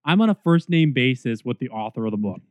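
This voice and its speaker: A man in his thirties co-hosting a casual podcast, telling stories with animated asides. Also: mid-range voice, fast, no room sound. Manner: chatty storyteller, animated asides. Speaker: podcast co-host. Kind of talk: casual nostalgic chat. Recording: dry, tinny phone-like sound.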